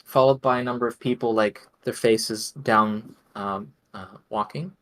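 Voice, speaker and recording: A man running a tabletop game, talking in a loose, chatty way and laughing often. His voice is bright and forward, at a middling pitch for a man. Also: steady tone, measured pace. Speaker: game master.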